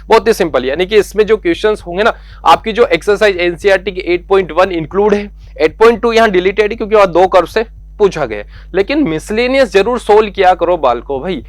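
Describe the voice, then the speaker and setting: A man's voice: sits high, expressive, fairly quick, dry recording. A man teaching maths to school students. He goes through the exam syllabus, coaxes them and repeats the key points. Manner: coaxing, repeats key points, calls students beta and yaar.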